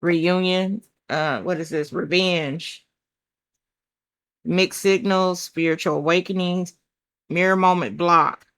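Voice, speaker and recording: A woman's voice: on the low side, steady tone, slow, a bit bright. A woman with a country accent giving a casual tarot reading, chatty and blunt, thinking aloud over the cards and calling her viewers child and baby. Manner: swears casually. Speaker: tarot reader.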